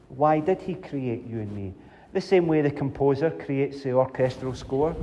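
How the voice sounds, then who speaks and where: A middle-aged male pastor giving a sermon, slow and emphatic, asking the congregation rhetorical questions, recorded from the back of a church hall. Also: mid-range voice, warm tone. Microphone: far camera at back of church. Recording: reverberant church hall from a distance.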